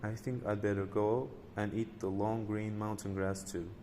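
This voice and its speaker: A man's voice: on the low side, level tone, moderate pace, warm tone, slight background noise, natural voice. A man doing a big, self-assured billy goat. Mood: musing.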